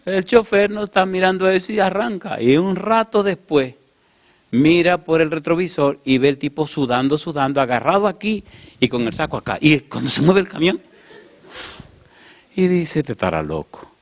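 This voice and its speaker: A man's voice: on the high side, normal speed. A male pastor preaching a sermon in Spanish, telling stories with acted voices and asking the congregation questions. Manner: animated, asks the congregation questions, acts out characters in his stories. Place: church in the US.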